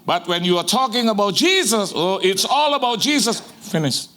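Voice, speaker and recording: A man's voice: sits high, moderate pace. A middle-aged man preaching a sermon, telling stories and acting out the dialogue and sound effects with mixed in. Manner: animated storyteller, acts out dialogue and sound effects. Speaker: pastor. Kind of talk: lively sermon with told stories.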